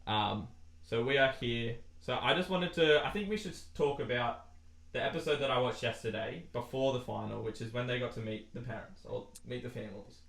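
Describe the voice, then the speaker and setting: A man's voice: medium pitch, fairly quick, creaky. A young man co-hosting a casual podcast chat, joking, laughing and slipping into mocking put-on voices. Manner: jokey, breaks into laughter, mimics people in loud put-on voices. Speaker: podcast co-host. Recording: roomy echo.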